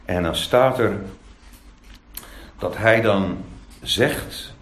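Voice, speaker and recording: A man's voice: lowish voice, extremely slow, fairly bright tone. A man preaching a sermon as pastor, emphatic, with many rhetorical questions. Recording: echoey room, faint ambience.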